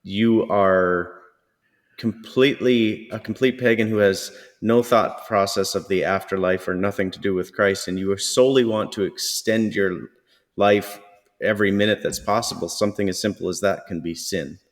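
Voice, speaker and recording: Deep-voiced man in a reverberant room. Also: steady tone. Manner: halting, with many fillers. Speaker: podcast co-host. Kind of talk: casual discussion.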